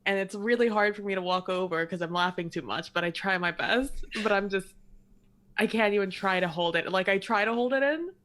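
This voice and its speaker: A woman's voice: medium pitch, a little fast, fairly bright tone. A woman at a tabletop game casually describing her character's actions in a rambling, filler-heavy first person. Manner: rambling, frequent "like".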